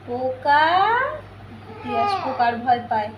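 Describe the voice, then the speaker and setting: High-voiced woman coaxing a toddler. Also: steady tone, measured pace, background noise. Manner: coaxing, teasing, sing-song talk to a toddler. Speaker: parent filming her toddler. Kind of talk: casual home video talk to a small child. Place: room in a home. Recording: echoey room at home.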